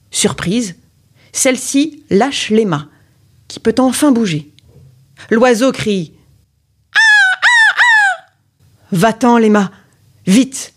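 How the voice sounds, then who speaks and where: A woman reading her own children's storybook aloud, with expressive, gently dramatic narration. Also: fairly high pitch, slightly rough. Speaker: storyteller and author.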